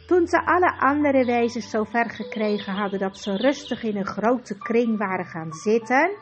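A woman's voice: fairly high pitch, animated, moderate pace. Woman narrating a storybook. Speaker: audiobook narrator. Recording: dull lo-fi with faint music.

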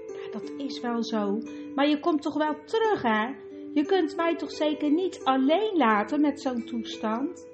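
Lady voicing a worried young boy, earnest and pleading, high-ish, lo-fi with guitar behind. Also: animated, a little slow. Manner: pleading, urgent. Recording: dull lo-fi with guitar music.

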